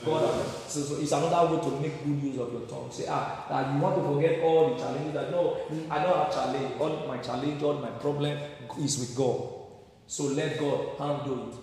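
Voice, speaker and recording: A man's voice: on the high side, fairly even intonation, normal speed, darkish tone. Man exhorting from a pulpit microphone in an echoey hall. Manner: repetitive, exhorting, asks the congregation questions. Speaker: pastor leading morning prayer. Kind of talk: exhortation and prayer. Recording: echoey hall, distant mic, faint ambience.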